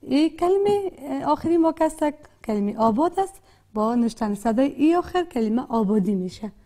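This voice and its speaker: During a classroom literacy lesson, a teacher with an Afghan Dari accent patiently sounds out and repeats words at a slow pace. Her voice is high yet dark and mellow, with lively intonation. Soft hesitation sounds fill her frequent pauses.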